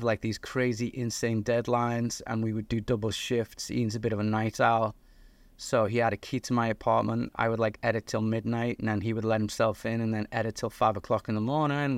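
Recorded with no room sound, this middle-aged Liverpudlian from the north of England has a lowish voice. The creative director of a video company, he's a guest on a podcast, recounting his story casually with plenty of fillers and restarts.

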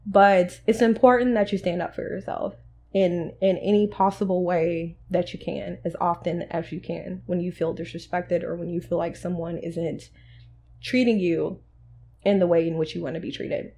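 A woman's voice: fairly low pitch, moderate pace, creaky. Chatty woman host telling stories. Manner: conversational, animated, acts out quoted dialogue. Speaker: podcast host. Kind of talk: casual storytelling monologue.

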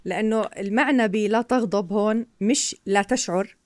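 A woman's voice: mid-range voice, moderate pace, a little mellow, no echo. A woman with a Levantine Arabic accent, patiently explaining ideas with examples as a guest expert on a podcast.

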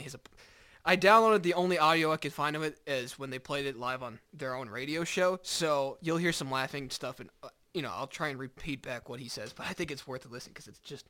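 Rambling male podcast host, fairly high. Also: sharp tone. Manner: rambling, sets up clips and retells them. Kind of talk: casual podcast chat.

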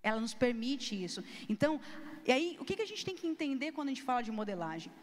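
A woman teaching a recorded video lesson, emphatic and animated, often shifting her tone to demonstrate a point and talking to viewers directly in casual slang. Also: sits high, fast talker. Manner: lively, emphatic, changes tone and pace often to demonstrate. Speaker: youth ministry teacher. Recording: long reverb, hall-like.

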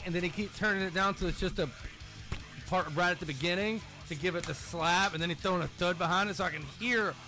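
A man in his forties hosting a casual chat, loud, joking and swearing freely. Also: high-pitched, fast talker, music in the background. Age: 40s. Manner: profane, boisterous, jokey. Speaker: podcast host.

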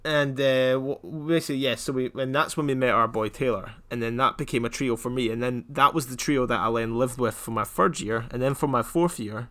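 A young man from Scotland in casual podcast chat, telling jokes in a flat deadpan way and wandering off on tangents. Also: medium pitch, brisk, few pauses. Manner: deadpan, rambling joke-telling. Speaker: podcast co-host.

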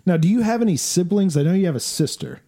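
A man's voice: sits high, animated, quick pace, dark tone. A man in his forties hosting a podcast, asking questions in a joking, rambling way with lots of fillers. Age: 40s. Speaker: podcast host. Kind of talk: casual interview chat. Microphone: studio mic.

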